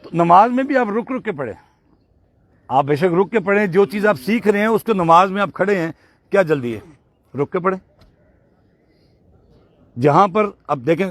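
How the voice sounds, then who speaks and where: A man teaching Quran recitation, patiently correcting a student and slowly modelling each word. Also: on the high side, dry recording. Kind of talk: tajweed lesson correcting a student.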